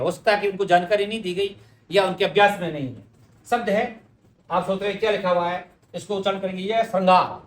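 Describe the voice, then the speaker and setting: A man's voice: high voice, roomy sound. A man teaching correct Hindi spelling, explaining each word patiently and speaking directly to his students.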